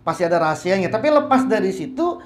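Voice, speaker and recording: A woman's voice: mid-range voice, very animated, quick pace. Woman teaching a kitab study, echoey. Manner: reads Arabic phrase by phrase and explains casually. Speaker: religious teacher. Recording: roomy echo with faint hiss.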